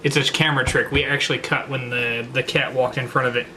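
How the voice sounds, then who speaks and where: A man's voice: mid-range voice, level tone, quick pace. A man taking part in a challenge, chatting casually with dry, joking remarks. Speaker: challenge participant. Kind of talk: casual chat. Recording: noisy background.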